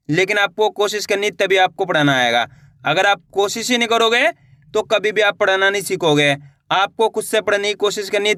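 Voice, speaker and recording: A man teaching children to read, sounding out each syllable slowly and patiently, encouraging viewers to try for themselves. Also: high-pitched, sharp tone, dry recording, clean studio sound. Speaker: Hindi reading teacher. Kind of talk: slow syllable-by-syllable reading lesson.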